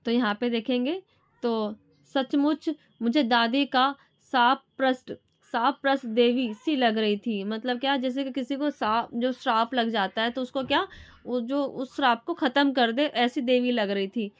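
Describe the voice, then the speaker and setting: A woman teacher reading a story passage aloud and then explaining it in simple words, often pausing and restarting. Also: on the high side. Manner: halting, with restarts and fillers.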